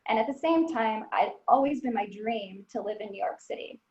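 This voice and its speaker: A woman's voice: fairly high pitch, moderate pace, a little mellow. Earnest storytelling woman, echoey lo-fi sound. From Southern California. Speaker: alumna guest. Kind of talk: recorded alumni interview. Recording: echoey lo-fi room.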